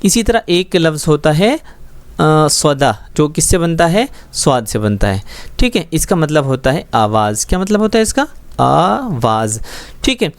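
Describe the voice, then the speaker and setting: A man's voice: on the high side, big pitch swings, smooth, dry recording. A man teaching a schoolbook Urdu lesson, explaining words patiently and often checking that students follow. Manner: patient, explains slowly with frequent check-ins.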